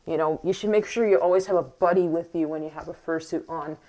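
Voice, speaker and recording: A young woman talks to her camera in a low voice, wandering from thought to thought with plenty of fillers. She restarts often and sounds slightly squeaky from the morning, with a mask over her face. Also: fast talker, mellow, rough recording. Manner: rambling and hesitant, many fillers and restarts. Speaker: vlogger. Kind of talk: casual rambling monologue to camera. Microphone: wearing a mask.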